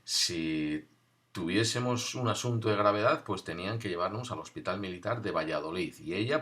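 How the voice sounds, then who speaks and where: A man's voice: low-pitched, sharp tone. A middle-aged man, telling a wry, conversational story from his childhood and briefly acting out the voices he quotes. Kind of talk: spoken personal recollection.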